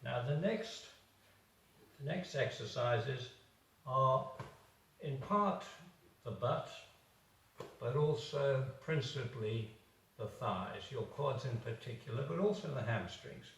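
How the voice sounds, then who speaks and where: A man, a doctor, slowly coaching home exercises while demonstrating them, a little out of breath. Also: medium pitch, animated, fairly bright tone, a little hiss or hum. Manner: slow, encouraging, demonstrating while talking. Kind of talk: instructional exercise video. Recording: echoey room, far from the mic.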